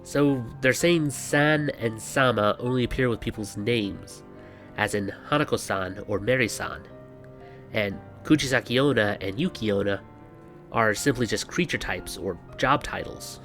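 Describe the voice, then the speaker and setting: A man hosts a scripted explainer full of banter, his mid-range voice bright and measured as he delivers wry, sarcastic lines and exasperated asides. Music plays in the background.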